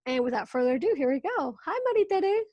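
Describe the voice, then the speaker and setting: A woman's voice: high-pitched, very animated, quick pace, no echo, dull audio. A woman from Venezuela hosting a podcast interview, bubbly and laughing often in casual chat. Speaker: podcast host.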